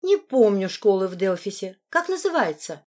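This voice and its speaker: A woman voicing a haughty, sharp-tongued teenage girl student who talks in a blunt, condescending way. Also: medium pitch, very animated, moderate pace, natural voice.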